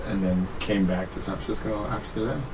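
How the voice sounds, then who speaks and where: A man in his thirties, born in Trinidad and Tobago, telling his life story as a guest in a studio interview, relaxed and laughing easily. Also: on the low side, fairly quick. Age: 30s. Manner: relaxed, laughs often, self-correcting. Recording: distant mic with faint room noise.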